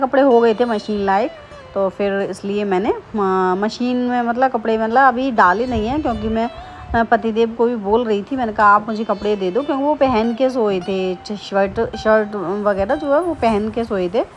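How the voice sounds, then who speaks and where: A woman in her thirties, a homemaker, chatting casually in a daily home vlog, rambling with many fillers and restarts. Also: medium pitch. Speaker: vlogger, homemaker. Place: home during heavy rain. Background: faint rain and ambience.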